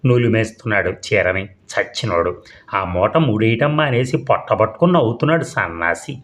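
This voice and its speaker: Man, storyteller, low voice, measured, expressive, audiobook narration.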